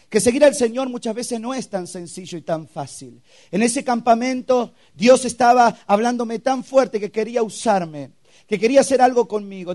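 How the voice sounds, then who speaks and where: A young man preaches to a youth camp. He tells his testimony with sound effects and acted quotes, swinging from loud to hushed. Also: sits high. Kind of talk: testimonial sermon.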